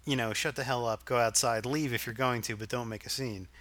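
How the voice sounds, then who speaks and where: A man's voice: mid-range voice, fairly even intonation, fairly quick, a bit bright, no echo. A middle-aged man from Arkansas, a podcast co-host, telling a rambling, profane story in casual chat.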